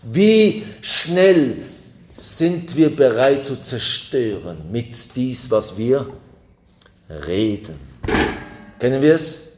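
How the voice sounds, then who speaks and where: A man preaching a sermon in a slow, emphatic way, his voice climbing with fervor at times. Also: medium pitch, expressive, echoey room, a little hiss or hum.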